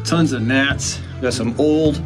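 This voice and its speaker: A man's voice: medium pitch, takes it slowly, over music. Laid-back man vlogging outdoors. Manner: laid-back, chatty, many fillers. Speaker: vlogger exploring mines. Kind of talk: casual vlog narration. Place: outdoors hiking and inside mine tunnels.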